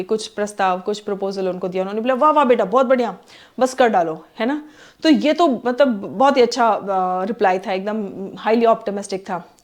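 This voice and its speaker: Indian woman teacher, slow English reading. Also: on the high side, a little mellow. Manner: reads English slowly, explains fast in Hindi-English mix; asks students questions, frequent "theek hai?" checks. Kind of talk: online exam-prep lesson.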